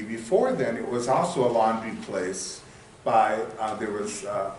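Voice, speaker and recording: A man's voice: on the low side, slight background noise. A man giving a casual local history talk to a meeting, rambling and searching for words with many fillers. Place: meeting hall. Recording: echoey room from far off.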